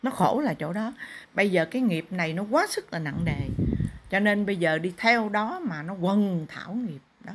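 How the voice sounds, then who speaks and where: A woman's voice: medium pitch, lively intonation, normal speed, noisy background. A middle-aged woman, a spirit medium, lecturing a client firmly. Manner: firm, lecturing. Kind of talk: counselling a client in a spirit ritual.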